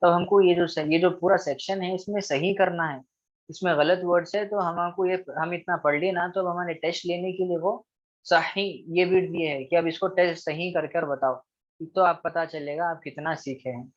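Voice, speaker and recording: In this recorded online lesson on Arabic grammar, a man speaks at a moderate pace in a high, steady voice. He goes over every rule patiently and keeps checking in with his students. The top frequencies are cut off.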